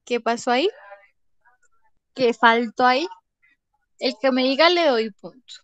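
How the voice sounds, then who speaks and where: A woman's voice: high-pitched, unhurried, fairly bright tone, dry recording, dull audio. A woman teaching an English lesson in an online class, explaining patiently and checking often that her students follow. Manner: patient, checks understanding with frequent questions. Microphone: video call.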